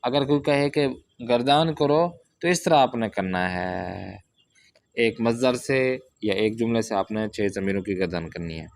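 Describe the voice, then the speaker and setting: A man teaching a Persian language lesson from a workbook, reading example sentences slowly and then explaining them step by step. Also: fairly low pitch, animated.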